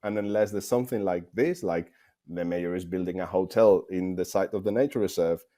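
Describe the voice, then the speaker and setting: A game developer from Spain, with a deep, dark, relaxed voice and Spanish accent, gives brisk conversational interview answers. He often repeats words while working out what to say.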